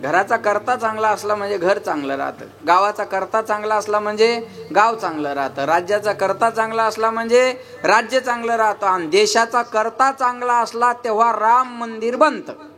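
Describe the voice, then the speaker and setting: A man's voice: sits high, moderate pace, fairly bright tone. A man preaching a devotional sermon with sung verses, joking and calling on the audience to answer him. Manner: jokey, keeps asking the audience to answer back. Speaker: kirtan preacher.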